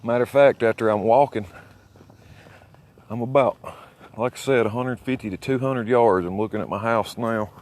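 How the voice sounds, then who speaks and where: An amateur vlogger from Alabama, United States, walks along small-town streets giving rambling, folksy, boastful and coarse commentary in an Alabama Southern accent. His mid-range voice is a little mellow and moves at a moderate pace. Traffic noise and passing vehicles fill the outdoor recording.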